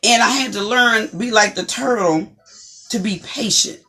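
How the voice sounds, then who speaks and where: A woman co-hosting a talk show, speaking in an animated, emphatic, preacherly way about faith and perseverance. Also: a little high, normal speed. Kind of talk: inspirational faith-based chat.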